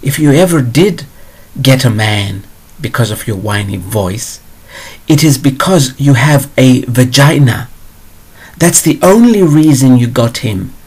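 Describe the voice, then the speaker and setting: A man's voice: medium pitch, expressive, measured pace, darkish tone, slightly rough. A man hosting a spiritual advice show, answering a viewer question in a blunt, digressive way.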